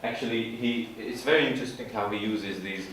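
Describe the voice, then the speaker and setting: A man giving an informal literature presentation, explaining in a halting way and searching for his words. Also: on the low side, a bit bright. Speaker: student presenter. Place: large room at an evening school event. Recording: echoey hall from far off, faint noise.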